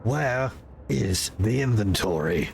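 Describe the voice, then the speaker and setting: Imperious rogue trader for a game, performed by a man: low-pitched, stern, formal, passing judgement. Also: lively intonation, slow pace, gravelly, a little hiss or hum, exaggerated voice. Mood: demanding. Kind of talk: improvised reading of game dialogue.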